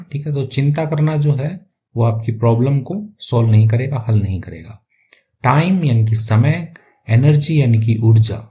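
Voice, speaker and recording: Mellow-voiced man teaching English patiently. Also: mid-range voice. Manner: patient, explanatory, keeps checking with "theek hai". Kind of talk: line-by-line story reading with translation.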